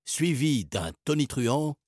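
Husky male narrator for a children's storybook; animated, expressive delivery, dry recording. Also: mid-range voice, takes it slowly, no room sound. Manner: lively, expressive reading. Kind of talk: storybook reading.

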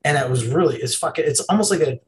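A man's voice: fairly high pitch, animated, fast, crowd noise, low-quality recording. A middle-aged man co-hosting a podcast, swearing freely and rambling in casual chat. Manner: rambling, profane, laughs a lot. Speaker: podcast co-host.

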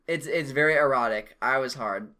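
A man's voice: medium pitch, normal speed, sharp tone. A man casually recapping a horror movie with friends, profane and joking, often laughing. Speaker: podcast co-host.

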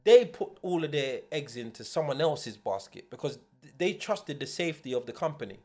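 A man's voice: a little high, animated, normal speed, a little mellow. A man with a London urban roadman accent, telling stories casually on a podcast with emphatic street slang. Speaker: podcast co-host. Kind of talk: casual anecdotal chat.

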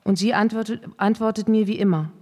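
A woman's voice: mid-range voice, a little fast, warm tone. Woman reading prose in a reverberant hall. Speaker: author reading her prose. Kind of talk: literary reading at a live event. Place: event hall.

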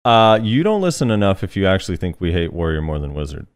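A man's voice: sits low, sing-song, fast talker, clean tone. A man hosting a casual podcast, reading listener comments aloud in a laid-back way with plenty of fillers. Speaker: podcast host.

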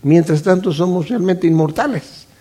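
Man, slightly high voice, earnest Bible preacher who explains verse by verse and lifts his voice for quotes. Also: normal speed, warm tone, husky. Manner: earnest, explanatory, rises in pitch when quoting and stressing; addresses listeners directly. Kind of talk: expository Bible sermon.

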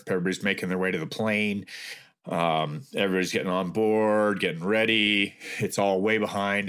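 Low-voiced man telling a skydiving tale. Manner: animated, acts out quotes with raised voice. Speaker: guest telling a story. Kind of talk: casual storytelling.

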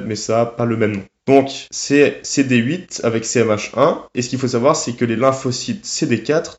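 A young man presenting a weekly study update for a student podcast, explaining course points in a steady, measured way. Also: mid-range voice, roomy sound, muffled recording. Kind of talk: casual scripted podcast segment.

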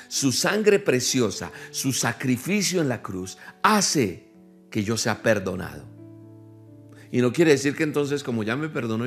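A man preaching a livestreamed sermon, speaking straight to his listeners and repeating key phrases for emphasis. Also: mid-range voice. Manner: addresses listeners directly. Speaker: pastor.

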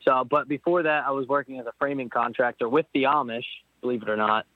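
Heard through a tinny, dry phone line without echo, a young man's mid-range voice moves at a quick pace but holds a steady tone. He's a nineteen-year-old Pennsylvania motorcycle racer, a guest rambling casually in an interview and restarting often.

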